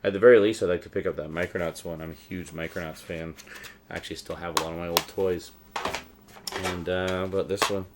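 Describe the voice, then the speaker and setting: Rambling along enthusiastically as a fan, this collector vlogs an unscripted show-and-tell of DVDs he's bought. He speaks fairly quickly in a low, steady voice through heavy background noise.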